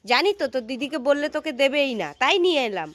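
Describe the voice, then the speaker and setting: A woman plays a mother in a scripted home comedy skit. Her voice sits very high and she talks fast. She switches between playful teasing and sharp scolding. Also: lively intonation.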